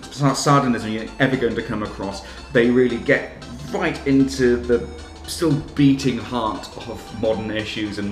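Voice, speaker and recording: A man's voice: medium pitch, reverberant. A man giving enthusiastic, self-deprecating spoken reviews of shows in a chatty video. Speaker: theatre reviewer. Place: room with music playing.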